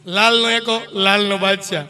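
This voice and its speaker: A man's voice: sits high, steady tone, normal speed, crowd noise. A man telling jokes to a live audience, chatting with listeners between stories. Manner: jokey, chatty, addresses audience directly. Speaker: stage comedian. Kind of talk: live comic storytelling. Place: live stage show.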